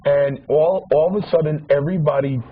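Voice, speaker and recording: On a dull lo-fi recording with faint hiss, a man in his forties reminisces in a relaxed talk show conversation. His slightly high voice is steady and brisk, and his rambling is full of restarts and repeated words.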